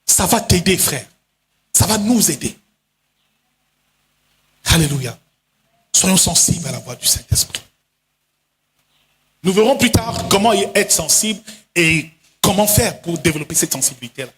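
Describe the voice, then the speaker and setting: A male pastor preaching a sermon in a chanting, sing-song style, now and then breaking into shouted lines and quickly acting out other voices. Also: sits high, lively intonation. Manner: acts out voices in quick asides. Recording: long hall reverb.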